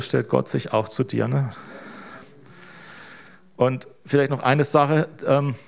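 A man's voice: medium pitch, creaky. A man preaching an informal sermon as pastor, in a loose, conversational way that keeps checking in with the listeners. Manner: casual, tags sentences with "ne?".

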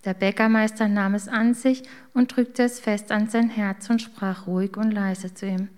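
A woman reading a children's story aloud in a calm, gentle way. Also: mid-range voice, a little slow.

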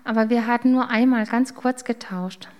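A woman's voice: a little high, steady tone, moderate pace, natural voice. A sniffly, guilty salt shaker, read by a woman. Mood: remorseful. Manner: sniffly, quiet, remorseful.

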